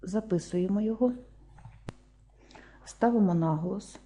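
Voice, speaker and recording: A woman with a Ukrainian accent giving a slow, deliberate lesson, spelling out sounds one by one. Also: medium pitch, warm tone. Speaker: teacher.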